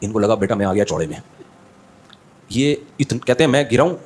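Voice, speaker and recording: A man's voice: on the low side, animated, a little fast, darkish tone, slightly rough. A man giving a religious talk, telling humorous anecdotes and acting out the people in them. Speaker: Islamic scholar giving a talk.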